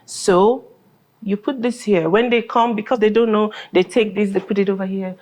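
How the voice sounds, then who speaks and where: A Nigerian woman who directs a school, answering interview questions as an animated storyteller who acts out dialogue and laughs often. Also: medium pitch, normal speed.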